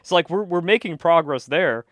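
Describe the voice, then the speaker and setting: A man co-hosting a casual political podcast, his voice sitting a little high. He gets animated and slips into quoted voices as he explains. The sound is dry, close and free of room echo. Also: normal speed. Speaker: podcast co-host.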